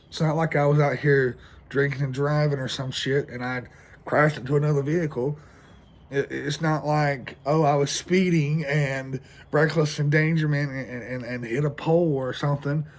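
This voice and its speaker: Stressed, rambling man venting outdoors. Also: mid-range voice. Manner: rambling, stressed, swears a lot. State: sleepless, shivering in the cold. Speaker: vlogger. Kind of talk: venting vlog monologue. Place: outdoors in the cold.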